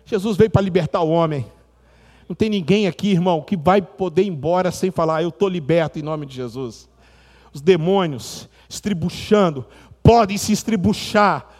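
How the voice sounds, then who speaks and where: Fiery high-voiced Brazilian preacher man. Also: normal speed, long reverb tail. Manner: fiery, call-and-response preaching with shouts. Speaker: pastor. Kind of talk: sermon. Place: church sanctuary.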